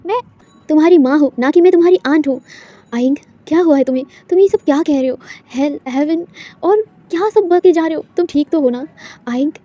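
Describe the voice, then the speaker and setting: Lady doing a worried mom, keeps asking questions, high voice, rushed. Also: mellow, lo-fi sound, soft background music, close to an everyday voice. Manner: anxious, questioning, repeats the name. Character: stern middle-aged mother, worried and pleading.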